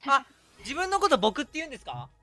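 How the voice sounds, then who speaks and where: A man hosting a game stream in an animated, teasing way and laughing often. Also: extremely high pitch, fast, no echo. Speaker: host.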